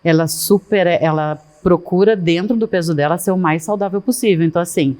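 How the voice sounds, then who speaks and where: A middle-aged woman, a guest in a casual interview, talking at length and in an animated way with many asides. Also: fairly low pitch, fairly quick. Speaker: guest, fashion consultant.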